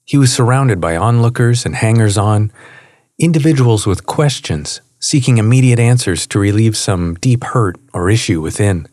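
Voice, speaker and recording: A low-voiced, slightly mellow male audiobook narrator reads scripted narration in a dry, clean studio recording.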